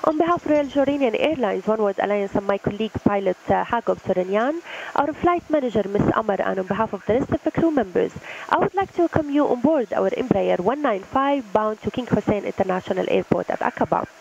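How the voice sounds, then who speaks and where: A woman's voice: medium pitch, expressive, slow, gravelly, darkish tone, dull audio, slight background noise. A woman airline captain with an Arabic accent, speaking over a pilot headset in the cockpit, giving a methodical, formal and courteous briefing. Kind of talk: cockpit briefing and passenger announcement.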